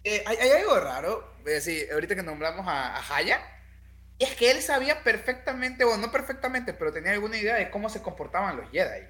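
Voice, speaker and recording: A man with a high, bright, sharp voice. He talks in a laid-back, slangy way on a casual podcast. The room around him is echoey. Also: big pitch swings, fairly quick. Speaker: podcast co-host.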